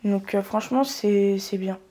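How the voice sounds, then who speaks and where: A young woman answering questions in a relaxed casual chat, often pausing with fillers. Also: mid-range voice. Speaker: interviewee, exchange student.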